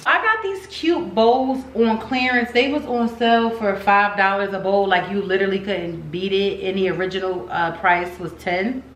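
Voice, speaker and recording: A woman's voice: medium pitch, normal speed, few pauses. Woman vlogger, super casual n slangy, drags out words, echoey room, slight background noise. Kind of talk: casual chatty vlog talk to viewers. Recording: roomy echo, some background noise.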